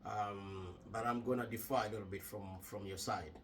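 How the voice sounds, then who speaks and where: A man from Uganda co-hosting a casual podcast chat, measured and thoughtful with frequent hesitations. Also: fairly low pitch, steady tone, a bit bright, distant mic, a little hiss or hum. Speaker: podcast co-host.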